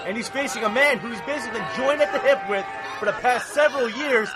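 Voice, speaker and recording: A man giving live wrestling commentary in an excited, raised voice. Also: extremely high pitch, quick pace, loud music behind the voice. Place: live event at a fair. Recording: loud crowd around commentary.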